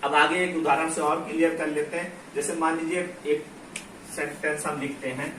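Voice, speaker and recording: A man teaching English pronunciation and grammar, explaining slowly, repeating key words and spelling out letters. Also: a little high, level tone. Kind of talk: classroom-style explanation at a board. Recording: echoey room, from a distance, faint noise.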